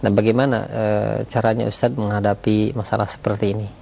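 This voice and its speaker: A man reading out a listener's question for a preacher, halting now and then with fillers, on a dull lo-fi recording. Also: on the low side, level tone, vocal fry, slight background noise.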